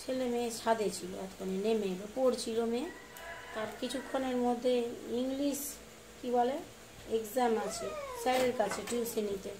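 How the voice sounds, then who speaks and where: A middle-aged woman from Bengal chatting in a rambling way while she bakes in her home kitchen, sometimes speaking softly. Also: a little high, moderate pace. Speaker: home cooking vlogger. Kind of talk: casual chat while baking. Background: fan hum and rain outside.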